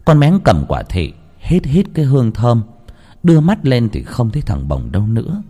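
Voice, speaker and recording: A man narrating a ghost story dramatically, swinging between hushed and heightened tones. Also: mid-range voice, huge pitch swings, normal speed, husky.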